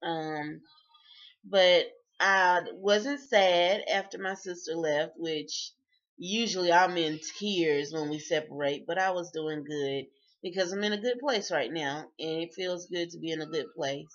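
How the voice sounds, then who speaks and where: A woman's voice: on the low side, unhurried. A woman talking casually in a video diary, chatty and sleepy, often breaking into laughs. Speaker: vlogger. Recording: dull lo-fi sound.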